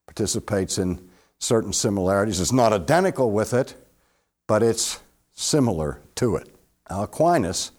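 A man giving a classroom theology lecture to a live audience, questioning listeners and swinging between loud emphasis and hushed low asides.

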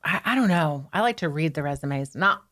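A woman recruiter on an HR podcast, telling work stories in a lively way and laughing easily. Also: deep voice, a little fast. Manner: animated storyteller, laughs easily. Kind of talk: casual podcast chat.

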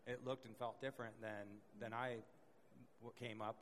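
A man's voice: mid-range voice, flat delivery, moderate pace, slight background noise. A middle-aged man hosting a casual panel talk, laid-back with many fillers. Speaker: host.

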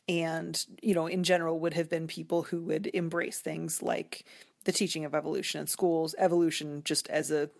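Her deep, creaky voice comes through clean studio audio with no echo as this American woman talks as a guest in a relaxed interview. She is thoughtful yet colloquial, often saying "like" and "you know."

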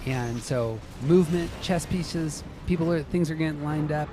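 A man's voice: a little high, normal speed, music in the background. A man hosting a podcast, casually recapping and discussing a TV episode, narrating scenes as he goes. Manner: narrates scenes, reads out quotes, laughs easily. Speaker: podcast host.

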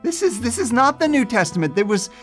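Casting: man voicing an earnest mother, pleading, raised pitch. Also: big pitch swings, brisk, soft background music. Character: earnest mother explaining scripture.

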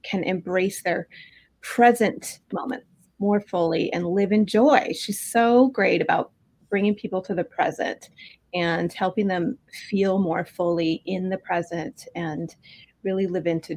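A woman co-hosting a podcast, talking casually and at length with fillers. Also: on the low side. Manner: chatty, warm introductions with fillers. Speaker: podcast co-host.

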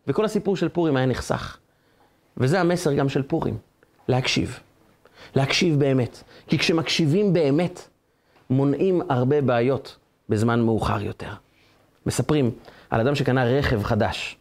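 A man, a rabbi giving a Torah lesson, who tells stories with animation and asks rhetorical questions. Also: sits high.

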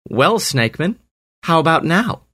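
A man's voice: fairly high pitch, very animated, moderate pace, a bit bright, breathy edge, no echo, voice pushed up, exaggerated voice. A man voicing an unfazed female flying teacher who talks in a dry, matter-of-fact way.

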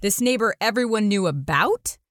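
A woman's voice: medium pitch, lively intonation, moderate pace, a bit bright, no room sound, clean studio sound. A woman hosting and narrating a story podcast, with playful, chatty asides to the listener.

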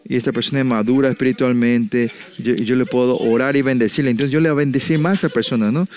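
A pastor preaching to his church in a voice of ordinary middle pitch for a man. He speaks in halting bursts, breaking off and restarting his sentences, and he tags nearly every thought with a questioning "no?" to check in with his listeners. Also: fairly even intonation, darkish tone. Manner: ends phrases with a questioning "no?" tag, halting restarts. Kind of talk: sermon.

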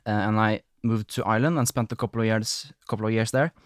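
A Norwegian man hosts a podcast interview, chatting casually in a rambling, apologetic way full of fillers. His voice is lowish and fairly even, he talks fast, and the recording is studio quality with no room sound.

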